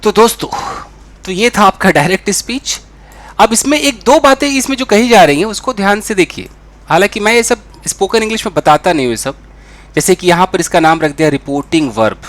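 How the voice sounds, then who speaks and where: A young man teaching a spoken English lesson in an animated way, acting out the dialogue he explains. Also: sits high, fairly quick. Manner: animated, acts out quoted dialogue.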